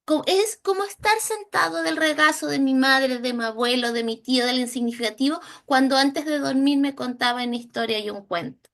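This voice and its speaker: A Chilean woman teaching a recorded training lesson on early reading, slowly sounding out letters and syllables. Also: high-pitched, creaky, a bit bright. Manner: slow, drawn-out modeling of sounds and syllables. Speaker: instructor.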